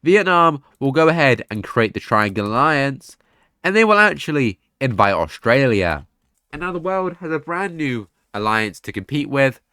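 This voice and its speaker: A man's voice: medium pitch, big pitch swings, moderate pace, pushed and bright, no room sound, clean studio sound. A man, sick and congested, casually narrating a map scenario game in a rambling, offhand way. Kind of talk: casual gaming commentary.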